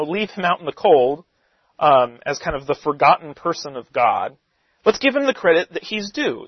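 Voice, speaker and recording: Man teaching a Bible lesson, slightly high voice. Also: no room sound. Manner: reads scripture lists slowly, then explains in loose conversational asides. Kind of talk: sermon-style Bible teaching. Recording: dull, slightly lo-fi dry recording.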